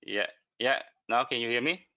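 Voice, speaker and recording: A man's voice: medium pitch, normal speed, sharp tone, no echo, highs cut off. A man presenting in an online webinar, calling out as the call keeps dropping out and asking if he can be heard. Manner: repeatedly checking if he can be heard.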